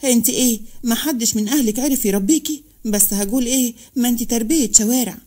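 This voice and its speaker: A woman's voice: a little high, fast, mellow, close to an everyday voice. A woman voicing a jealous, bitter middle-aged wife, with an Egyptian accent, in a narrated story. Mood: scornful. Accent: Egyptian Arabic. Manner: scornful.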